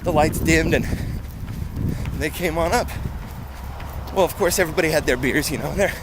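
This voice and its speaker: A man's voice: a little high, moderate pace. A middle-aged American man talking casually in a rambling, conversational way as he records a running vlog outdoors. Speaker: running vlogger. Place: outdoors on town and semi-rural streets. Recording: loud outdoor ambience and traffic noise. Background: loud road and outdoor noise.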